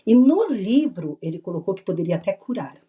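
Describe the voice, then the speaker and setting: A middle-aged woman from Brazil speaks as a podcast guest, her voice mellow and soft-edged at a middle pitch. She tells her story in an animated, conversational way and laughs easily. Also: a little fast. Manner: animated, acts out remembered dialogue, laughs often. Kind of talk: casual interview storytelling.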